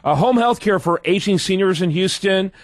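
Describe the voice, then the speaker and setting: A talk show host with a fairly high voice for a man runs the show briskly. The sound is close and dry, and he keeps the guest on track. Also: no echo. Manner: brisk, plugs the website and steers the guest. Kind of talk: radio talk show hosting.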